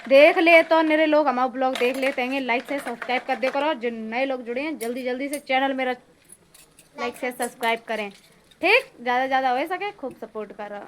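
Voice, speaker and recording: A woman's voice: high-pitched, fairly quick, slight background noise. A woman, chatting casually to her viewers in a home vlog filmed on a phone. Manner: chatty, addresses viewers as friends; loud and lively, breaking into laughter. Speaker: vlogger. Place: home, indoors and outdoors. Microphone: phone camera.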